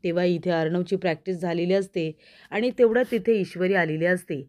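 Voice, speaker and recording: A woman narrating an episode recap in a steady storytelling manner, turning often to address her viewers. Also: fairly low pitch, brisk.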